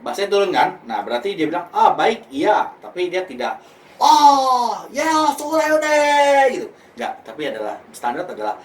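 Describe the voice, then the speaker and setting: A man teaching a casual Japanese language lesson, repeating each word with exaggerated pitch and slipping into slang. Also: slight background noise. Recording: echoey room, mic at a distance.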